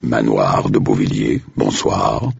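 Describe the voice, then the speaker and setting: Andrew, a man doing a calm formal butler. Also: a bass voice, vocal fry, husky, no room sound, muffled recording, pitched below the performer's own voice, exaggerated voice. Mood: composed. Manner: slow, measured, formal. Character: calm middle-aged butler, composed and professional.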